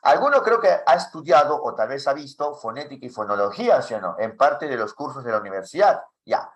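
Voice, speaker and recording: A man teaching a class for teachers, asking many questions in a lively way. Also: medium pitch, fairly quick. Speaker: teacher trainer.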